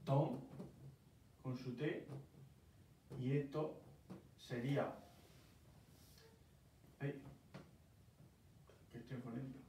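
A man's voice: mid-range voice, steady tone, extremely slow, long pauses. A man from Murcia with a Murcian Spanish accent, patiently explaining English pronunciation step by step in a casual one-on-one lesson. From Murcia, Spain. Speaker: English teacher. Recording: very echoey room, mic far off, faint noise.

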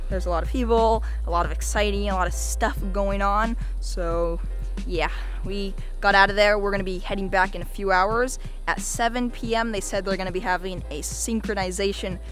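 A woman's voice: medium pitch, fairly bright tone. A young woman talking to the camera as a vlogger, outdoors at arm's length from the mic. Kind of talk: vlog narration to camera. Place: outdoors in a tropical garden or under shelter.

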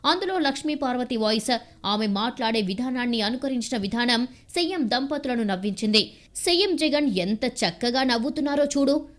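A woman's voice: on the high side, expressive, normal speed. A woman reading a news voice-over with a punchy, dramatic delivery. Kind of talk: scripted news narration. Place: studio voice-over.

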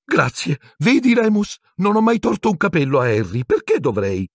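A man voicing a cowering, rat-like wizard with a shrill, squeaky voice who pleads and stammers breathlessly. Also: huge pitch swings, moderate pace, no echo, studio quality, full character voice. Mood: eager.

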